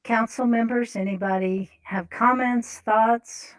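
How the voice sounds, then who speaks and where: A woman's voice: fairly high pitch, steady tone, slow pace, rough recording. A woman chairing a city council meeting, businesslike and polite, with frequent ums and restarts.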